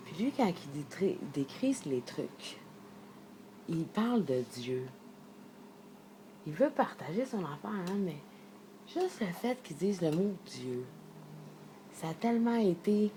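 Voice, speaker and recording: A woman's voice: sits low, mellow, slight background noise. A woman with a Québécois accent speaking in a casual vlog monologue. She is emphatic, rambling and swears freely. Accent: Québécois French. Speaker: vlogger sharing her thoughts. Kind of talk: casual spoken monologue to camera.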